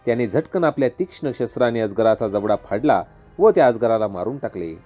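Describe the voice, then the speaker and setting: A man tells an old epic in a mellow, dark-toned voice. His delivery is dramatic and rhythmic. Soft music plays quietly underneath. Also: on the low side, expressive, fairly quick. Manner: dramatic, vivid, rhythmic storytelling. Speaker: storyteller. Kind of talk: devotional epic story narration. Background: faint music.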